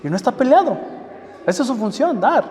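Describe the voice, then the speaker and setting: A man's voice: extremely high pitch, very animated, brisk, darkish tone. A man preaching a sermon, asking the congregation one rhetorical question after another. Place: church hall. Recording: echoey hall from far off.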